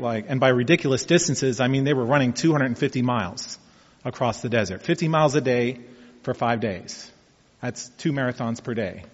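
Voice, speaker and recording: Speaking in a mid-range, slightly bright voice, a fifties-aged man reflects in folksy fashion on starting marathon running for his personal vlog. The room sound is dull and echoey.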